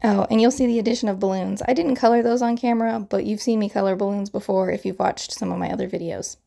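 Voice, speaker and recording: A woman's voice: medium pitch, steady tone, fast talker, creaky, dark tone. A woman in her thirties with a crackly morning voice, chattily narrating a card-making tutorial voiceover and explaining each step.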